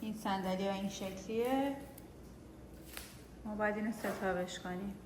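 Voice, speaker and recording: A woman from Iran chatting casually as she films a vlog on a phone, showing things around her home and a large store. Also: medium pitch. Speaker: vlogger. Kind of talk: casual chat. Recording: echoey room with clear background noise.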